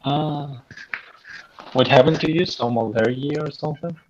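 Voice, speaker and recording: A man's voice: on the high side, normal speed, a little mellow, slight background noise. A man chatting casually as a player in a tabletop game. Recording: dull, lo-fi voice chat.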